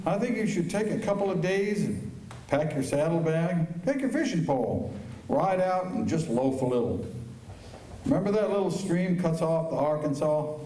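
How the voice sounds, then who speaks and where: A man acting as a steady, kindly American marshal in a Western radio play. His tone is mellow and slightly high, calm and plainspoken. He sounds distant from the mic. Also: normal speed, natural voice. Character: steady, kindly, weary frontier town marshal. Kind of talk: stage performance of old-time Western radio drama. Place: high school auditorium stage. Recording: echoey auditorium, distant mic.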